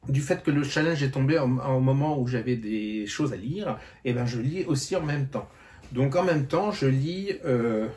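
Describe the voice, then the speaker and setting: Here a tired-sounding man who runs a book vlog talks through what he's been reading, his voice of ordinary pitch. He pauses often on filler words and keeps restarting his sentences, giving the update a loose, easygoing vlog tone.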